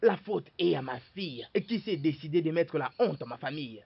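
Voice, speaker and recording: A man's voice: on the high side, expressive, brisk, vocal fry, husky, heavily acted. A man dubbing a hesitant young man in a film, stammering through many fillers. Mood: pleading. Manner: stammering, full of "euh" fillers. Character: hesitant young man caught between two women. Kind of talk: French-dubbed film acting. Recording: dull lo-fi dub with music behind.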